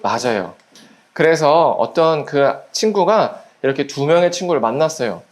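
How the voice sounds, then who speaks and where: A pastor giving a children's sermon at a church service, gently asking the children quiz questions and acting out little voices in the story. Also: mid-range voice, expressive, normal speed. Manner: acts out little quoted voices while storytelling.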